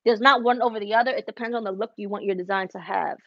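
Chatting quickly in both English and Spanish, a young woman whose native language is Spanish livestreams from the room where she runs her embroidery business. Her mid-range voice is picked up by wireless earbuds, with no room sound and clipped highs.

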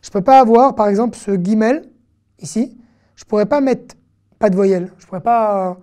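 A woman gives an online language lesson in a mellow, warm voice. She says each word two or three times and explains it step by step. Her tone stays patient throughout. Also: medium pitch, normal speed. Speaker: Hebrew teacher.

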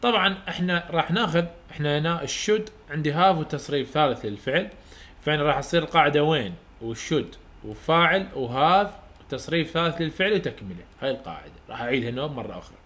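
A man with an Iraqi Arabic accent, a university English tutor giving a lecture, repeating each rule slowly so students can write it down and explaining in casual, colloquial terms. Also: a little high, expressive, fairly bright tone. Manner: repeats rules slowly for dictation.

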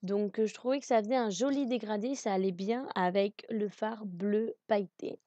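Mellow-voiced woman narrating makeup steps. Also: medium pitch, steady tone, normal speed, no room sound, dull audio. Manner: chatty, many hesitations. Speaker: makeup tutorial host. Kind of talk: casual voice-over narration.

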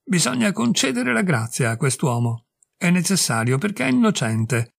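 A man voicing a devout empress who pleads firmly for mercy, in a raised, husky voice. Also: medium pitch, normal speed, dry recording, clean studio sound, lightly acted. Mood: insistent. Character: pious empress, woman, insistent and devout.

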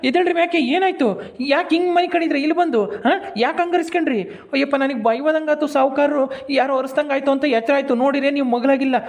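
A man's voice: very high voice, brisk. A man playing a loyal, blunt village servant, calling out and scolding plainly in a rustic comedy skit. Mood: searching, worried. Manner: calls out repeatedly, scolds and reassures plainly.

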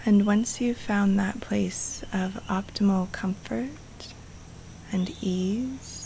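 Recorded live in an open jungle space, a woman leads a yoga nidra meditation, speaking softly and breathily, sometimes in a whisper, calm and soothing with long pauses. Her voice is mid-range, there's slight hiss or hum, and faint birds and insects of the jungle can be heard.

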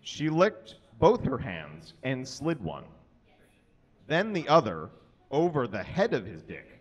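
A man in his thirties reads fan fiction dramatically to an audience from a small stage at a comedy show, speaking into a handheld or stand mic. His mid-range voice makes huge pitch swings at a slow pace.

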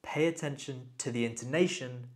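A man hosts a casual screen-recorded tutorial, his medium-pitched, darkish voice moving at a moderate pace. He enthusiastically walks the viewer through each step.

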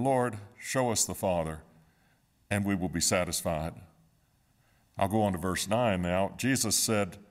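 Deep-voiced pastor man in a sanctuary. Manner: calm, measured reading aloud. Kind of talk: sermon with scripture reading. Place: church sanctuary. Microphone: standing at a pulpit, far camera.

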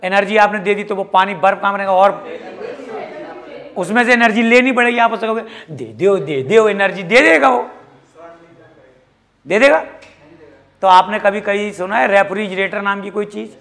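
Lively, high-voiced man teaching physics. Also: normal speed, gravelly, pauses often. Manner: lively, jokey, mixes English terms into Hindi. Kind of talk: classroom lecture.

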